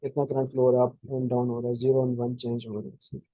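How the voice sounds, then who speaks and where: A man giving a programming lecture, explaining slowly with many fillers and restarts, over a video call. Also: mid-range voice, completely flat delivery, warm tone, no echo, lo-fi sound. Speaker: programming instructor. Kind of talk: live online lecture.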